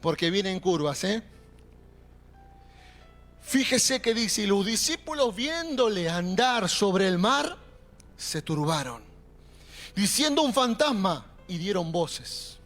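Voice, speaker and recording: High-voiced preaching man, Rioplatense accent. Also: takes it slowly, pauses often. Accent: Rioplatense Spanish. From Argentina. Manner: animated preaching, calling on the congregation. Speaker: pastor. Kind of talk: sermon. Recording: faint music behind.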